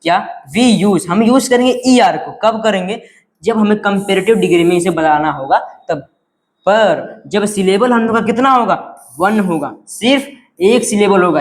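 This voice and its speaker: A man's voice: high-pitched, echoey room. A male teacher explaining grammar in his words, often asking check questions and repeating key words.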